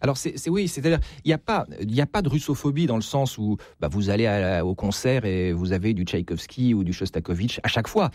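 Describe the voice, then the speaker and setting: A man's voice: fairly low pitch, expressive, fast, hardly any pauses, darkish tone, no echo, clean studio sound. A man being interviewed as an author, speaking hesitantly with many restarts and repeated words. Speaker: author, guest. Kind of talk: interview conversation.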